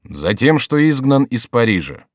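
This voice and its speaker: A man's voice: mid-range voice, big pitch swings, unhurried, no echo, studio quality, voice pushed up. A man voicing a frightened male monk who answers evasively and pleads under threat. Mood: pleading.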